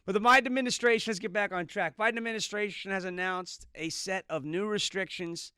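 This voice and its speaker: A man's voice: high-pitched, a little fast, sharp tone, clear, resonant tone, no room sound, studio quality. A man in his early thirties guest-hosting a political commentary show with a sarcastic, snarky delivery. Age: 30s. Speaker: guest host.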